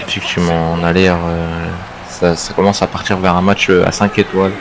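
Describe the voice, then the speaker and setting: A man gives wrestling commentary in a deep voice that stays fairly flat. He follows the action with measured, agreeing remarks, with noise audible behind him.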